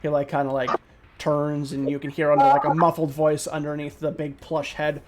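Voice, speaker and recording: A man narrating a tabletop game as game master, relaxed and full of ums and likes. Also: a little high, normal speed, noisy background.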